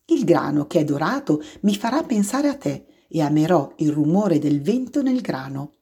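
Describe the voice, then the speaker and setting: A woman doing a gentle wise fox. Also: low-pitched, big pitch swings, normal speed, breathy edge, heavily acted. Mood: wistful. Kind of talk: storybook reading.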